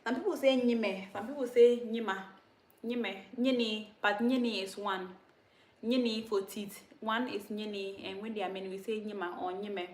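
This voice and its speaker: A woman, a Dagaare speaker, casually teaching vocabulary on a livestream, repeating words slowly and laughing at herself often. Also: medium pitch, fairly even intonation, reverberant. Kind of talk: casual spoken language lesson.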